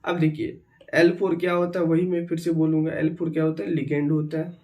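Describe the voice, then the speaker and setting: A man's voice: a little high, flat delivery, a little fast, highs cut off. A man teaching chemistry in an exam-prep lecture, mixing in terms, repeating key words and checking in with the students.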